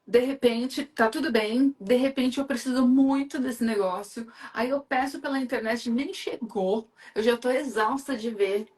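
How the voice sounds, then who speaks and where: Hosting a casual live stream, a Brazilian woman chats enthusiastically, full of fillers. Her voice is a little high and darkish, slightly slow, with few pauses.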